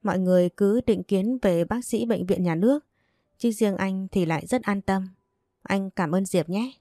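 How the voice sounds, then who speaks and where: A woman voicing a calm, courteous young husband. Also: medium pitch, normal speed, no echo, studio quality, natural voice.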